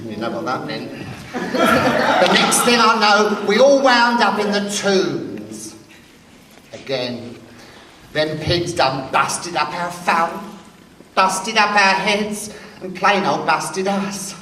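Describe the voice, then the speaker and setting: A man's voice: high voice, animated, takes it slowly, pauses often, pushed and bright, heavily acted. An actor playing a seasoned, sassy drag queen who tells a story in a campy, drawling, streetwise way on stage. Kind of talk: stage monologue. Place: live performance stage. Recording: echoey hall, distant mic, faint noise.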